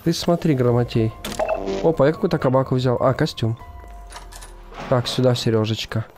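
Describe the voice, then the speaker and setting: A young man giving casual, jumpy and excitable commentary as he streams a co-op horror game. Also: mid-range voice, moderate pace. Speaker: gaming streamer. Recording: game music behind the voice.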